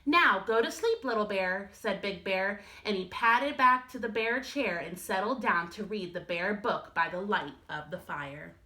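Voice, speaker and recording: A woman teacher reading a picture book aloud to young children, expressive and speaking to them directly. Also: medium pitch, unhurried, hardly any pauses. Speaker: first-grade teacher.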